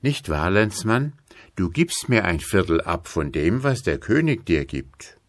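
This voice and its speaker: A gruff palace sentry, put on by a male storyteller, barks at a visitor in a raised, lively voice. The delivery is curt and bossy. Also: deep voice, measured pace, no echo, studio quality, full character voice. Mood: wheedling. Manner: brusque, barking.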